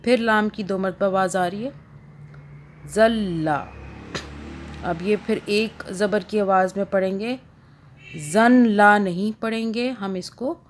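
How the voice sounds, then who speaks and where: A woman teaching Quran reading, patiently spelling out and repeating syllables in a slow lesson. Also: mid-range voice, fairly even intonation, slight background noise. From Pakistan.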